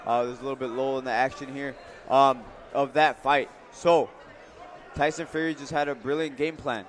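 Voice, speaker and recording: A man's voice: mid-range voice, steady tone, normal speed. A man giving live, conversational boxing commentary, thinking aloud and repeating words as he goes.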